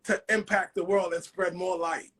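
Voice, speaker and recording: A man's voice: high-pitched, little pitch movement, normal speed, sharp tone, slightly rough. A man hosting a casual interview, eager and enthusiastic, full of "like" and "you know". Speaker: host, life coach.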